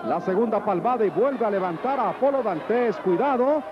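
A man's voice: sits high, expressive, a little fast. A Mexican man calling lucha libre play-by-play in live commentary. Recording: muffled old TV tape, noisy arena crowd.

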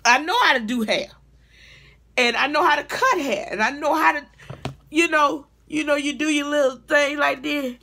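This middle-aged vlogger and hair stylist speaks high, creaky and sharp at a moderate pace in a casual, comedic rant. She's blunt, profane and exasperated, recorded with a device mic in a small room of her home.

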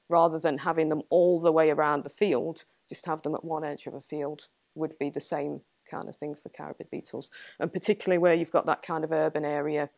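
This young Englishwoman, a guest entomologist, takes audience questions after her talk in a small meeting room. A camera records her from a distance, with no echo. Her slightly low voice carries a thoughtful, hedging manner as she reasons aloud, with frequent soft laughter between points.

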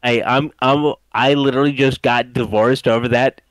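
A man's voice: medium pitch, steady tone, normal speed, rough recording. Drunk man rambling over game chat. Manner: rambling, repeating himself. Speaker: gamer. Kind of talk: casual gaming chat.

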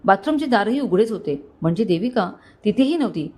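A woman narrating a romantic family story in a steady, measured way. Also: medium pitch.

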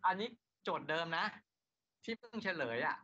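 A man's voice: high voice, expressive, moderate pace, pushed and bright. A man lecturing an engineering class. He asks his students rhetorical questions and then answers them himself. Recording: lo-fi lecture recording.

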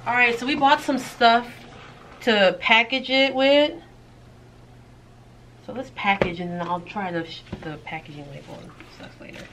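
A woman's voice: on the high side, lively intonation, normal speed, pauses often, noisy background. A woman co-hosting a thrift video, chatting casually and joking while packing orders. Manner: joking, laughing, swears casually. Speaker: co-host of a thrift channel.

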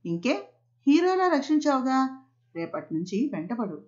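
A woman voicing a sharp-tongued young college woman who scolds and snaps. The audio is slightly muffled. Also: on the high side, sing-song, moderate pace. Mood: scolding.

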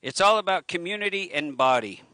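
High-voiced and brisk, with lively intonation and a sharp tone, a middle-aged pastor gives a casual outdoor sermon. He's at a lectern with a handheld mic on a waterfront lawn, chatty and joking at his own expense, with no room sound.

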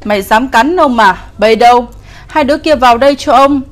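A woman's voice: fairly high pitch, normal speed, close to an everyday voice. A woman voicing a lecherous, cruel old male village official in a spoken ghost story, bullying and commanding. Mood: barking orders. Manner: bullying and commanding, falsely sweet when coaxing.

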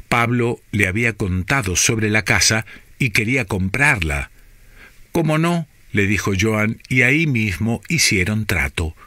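Slow, bright-voiced Argentine male storyteller. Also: on the low side, no room sound, studio quality. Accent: Argentine Spanish. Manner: measured, deliberate storytelling with dramatic pauses. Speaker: radio storyteller. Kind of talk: scripted story narration.

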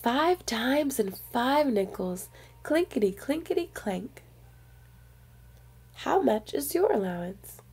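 Reading a picture book to young children, a woman speaks straight to her little listeners in an expressive storyteller's way. Her fairly high voice is very soft-edged, mellow and distinctly breathy. She takes it slowly, leaving long pauses.

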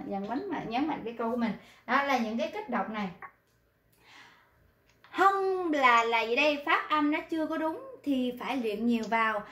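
A woman teaching Korean pronunciation in an online class, patiently repeating words slowly to model them. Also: a little high, a bit bright. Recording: roomy echo.

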